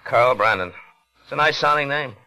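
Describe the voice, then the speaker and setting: Brief: a calm friendly husband, 1940s radio drama. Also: male voice, medium pitch, soft background music, rough recording. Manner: relaxed, friendly, unhurried. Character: calm, easygoing husband offering coffee. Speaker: husband of the house. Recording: old radio broadcast.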